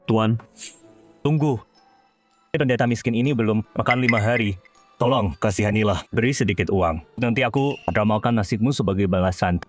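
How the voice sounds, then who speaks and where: Give a wheedling wandering fortune teller acted by a man, a poor Taoist priest in a fantasy drama. His voice sits on the low side, full of coaxing flattery, with music behind him. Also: normal speed, lightly acted. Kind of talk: dubbed fantasy drama acting.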